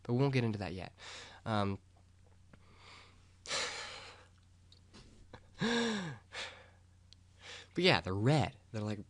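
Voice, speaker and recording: A young man talking in a rambling, casual monologue. He gets excited, loses his train of thought and swears freely. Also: on the low side, slow pace, long pauses, no room sound.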